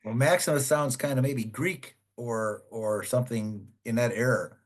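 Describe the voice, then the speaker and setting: A man's voice: mid-range voice, normal speed. A man interviewing his guest, asking friendly questions with some hesitation.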